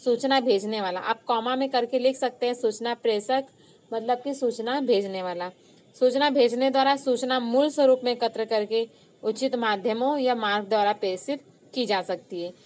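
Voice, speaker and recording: Woman teacher, online lecture, slightly high voice, patient, repeats key terms. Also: normal speed, poor audio. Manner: loud, stressed example phrases.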